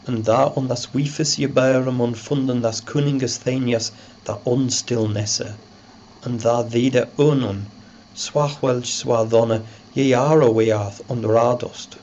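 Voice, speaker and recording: A man's voice: medium pitch, fairly even intonation, slow pace. Muffled, noisy Old English recitation by a man. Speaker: reader and narrator. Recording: muffled lo-fi recording with loud background noise.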